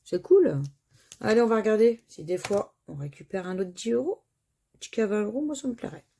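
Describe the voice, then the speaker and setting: A woman's voice: mid-range voice, animated, brisk, vocal fry, dark tone, husky. A woman with a French accent chatting to viewers while she scratches crossword lottery tickets and reads out letters and words.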